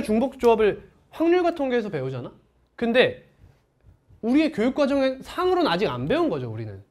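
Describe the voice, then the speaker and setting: A male math teacher lecturing a class. His voice sits fairly high and jumps up and down a lot as he fires off questions to the students and answers them himself. He talks in a brisk, chatty classroom way. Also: a little mellow.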